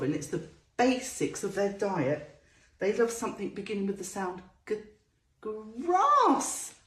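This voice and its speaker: This children's storytime teacher has a mid-range, slightly dark voice. She runs a show-and-tell for little ones, addressing them directly with a sing-song lilt and stretched-out key words, recorded in a roomy, echoing space.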